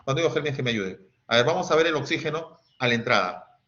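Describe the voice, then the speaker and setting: Un profesor con acento peruano que da una clase de química en línea y pregunta "¿sí?" a cada rato a sus alumnos. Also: male voice, mid-range voice, expressive, fast talker, pushed and bright. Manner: quizzing students, asking "¿sí?" often, sings snatches. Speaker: teacher. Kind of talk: online chemistry class. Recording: dull lo-fi sound.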